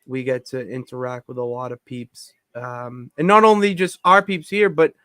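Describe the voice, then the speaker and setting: A man co-hosting a podcast from his home basement, talking in an excitable, rambling way with many restarts. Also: mid-range voice, normal speed, smooth, no echo, clean studio sound. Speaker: podcast co-host. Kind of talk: casual chat.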